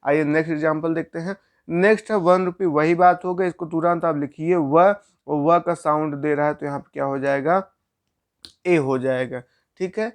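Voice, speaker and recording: A man's voice: a little high, fairly even intonation, moderate pace. A man teaching a grammar lesson, explaining step by step and asking questions he answers himself.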